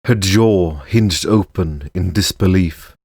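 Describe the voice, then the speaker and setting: A man tells a fantasy storybook tale in a very deep voice, taking his time with each line. His delivery stays measured and even. The recording is dry and close. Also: husky, no echo. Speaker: narrator and voice actor.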